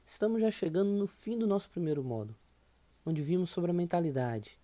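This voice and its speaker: A man's voice: sits high, sing-song, fairly quick, dark tone. A man, teaching a motivational course lesson and urging listeners to repeat affirmations aloud with emphasis. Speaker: course instructor.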